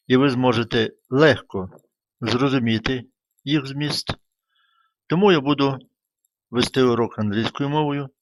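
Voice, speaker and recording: A male teacher reads short stories aloud for his students, every word slow and carefully shaped. His voice sits close to the mic in a dry, deadened space. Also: mid-range voice, fairly bright tone, no echo, poor audio. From Ukraine. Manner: slow, careful, clearly articulated. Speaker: English teacher. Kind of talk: reading adapted stories in an online lesson.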